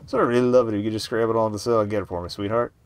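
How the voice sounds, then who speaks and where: A man's voice: on the low side, fairly even intonation, very fast, clean tone, no room sound, close to an everyday voice. A man voicing a grizzled, wheedling town drunk in a Western game, with folksy, rambling talk. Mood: rueful, chuckling.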